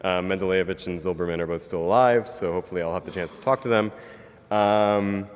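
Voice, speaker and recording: A man's voice: deep voice, fairly quick, clean tone. A man giving an academic conference presentation, hedging often with fillers like "um" and "kind of". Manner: hedging, filler-heavy delivery. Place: university lecture hall. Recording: lecture hall reverb.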